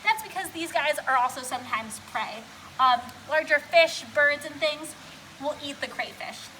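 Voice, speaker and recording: A woman's voice: high voice, moderate pace, sharp tone, slight background noise, low-quality recording. A woman speaking as a cheery, friendly zookeeper, explaining things simply for children in an educational talk. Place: indoors beside an aquarium tank at a science center.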